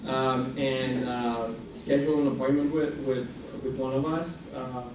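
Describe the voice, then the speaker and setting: Speaking as a guest at a student senate, the international center director—raised in France, Iranian American, in his forties—sounds a little mellow, with a medium pitch, level tone and measured pace. He hesitates often, restarting and using fillers, and the distant mic captures a roomy, noisy university meeting room.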